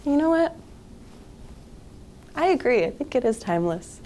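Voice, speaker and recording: An actress playing a bubbly, giggly lead game designer in a mockumentary. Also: female voice, high-pitched, big pitch swings, moderate pace, warm tone, slight background noise. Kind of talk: deadpan mockumentary interview.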